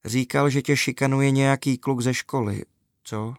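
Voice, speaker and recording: A calm, caring mother from a storybook, voiced by a male narrator, talking softly to her son at bedtime. She sounds close to his own voice, dry and near the mic. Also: medium pitch, no room sound, lightly acted.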